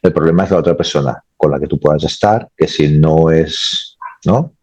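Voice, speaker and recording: A man's voice: extremely low pitch, moderate pace, a little mellow, breathy edge, dry recording, dull audio. A man, a naval engineer, answering interview questions casually and rambling, often adding tag questions.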